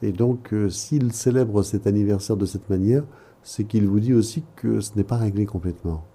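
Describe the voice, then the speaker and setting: A man speaking as an analyst, asking probing questions and offering interpretations in a measured, therapeutic conversation. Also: lowish voice, mellow. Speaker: psychoanalyst interviewing a caller.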